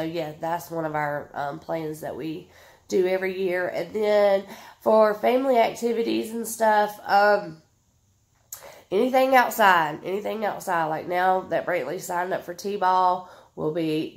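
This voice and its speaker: A woman with a Southern US drawl chats to camera in a low, gravelly voice. She is stuffed up and sniffling as she answers viewers' questions, with many ums and loose, friendly asides. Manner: chatty, drawling, many ums, reads comments aloud. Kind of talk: casual Q&A chat to camera.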